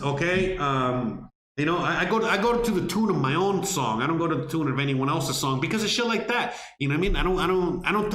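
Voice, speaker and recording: A man from Miami, United States, hosts a live stream answering viewer questions, blunt and profane, rambling with plenty of "you know what I mean." His voice is fairly high and a bit bright, and the casual Q&A chat has a roomy echo.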